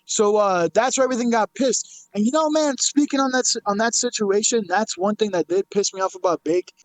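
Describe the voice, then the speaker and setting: A man's voice: high voice, a little fast, no echo, low-quality recording. A man, a streamer, telling a story in casual chat, swearing freely and acting out what people said. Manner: profane, animated, acts out quotes. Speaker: guest, streamer.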